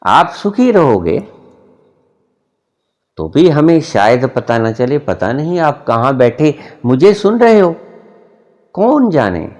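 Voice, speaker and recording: A middle-aged man preaches in an unhurried, deliberate way. His pitch rises and falls over a wide span as he stresses key words. It has the measured pacing of a spiritual discourse. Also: very animated, a little mellow. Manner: slow, deliberate, rising and dropping sharply for emphasis. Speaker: spiritual teacher.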